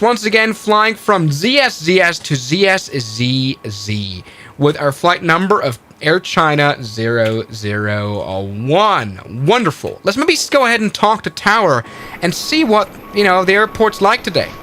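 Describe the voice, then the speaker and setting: With a bright, forceful, sing-song voice that's a little high, this man keeps a measured pace as he talks through a flight simulator live stream. He narrates every step aloud in a casual way and corrects himself as he goes. The recording carries a slight hiss or hum.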